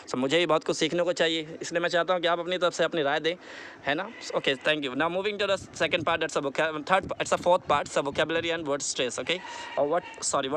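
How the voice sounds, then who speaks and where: A man teaching a spoken lesson, repeating words slowly for practice and mixing into his explanations. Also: on the high side, a bit bright, a little hiss or hum. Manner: mixes English into explanations. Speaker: English teacher.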